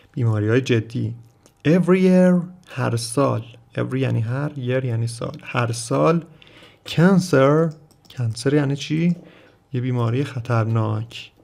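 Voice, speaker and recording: Keyboard clicking sounds behind a Persian-speaking English teacher as he leads a vocabulary lesson. He pronounces English phrases with slow care, then explains each one at length, in a gravelly, creaky, mid-pitched voice with a darkish tone.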